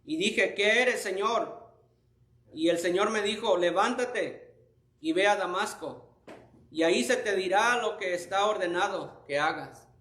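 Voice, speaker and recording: A man plays an earnest, awed apostle telling his own story in a fervent, emphatic voice that sits high. He slows down on the key moments. The sound carries a roomy echo. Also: pushed and bright. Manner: fervent first-person retelling, slow and emphatic.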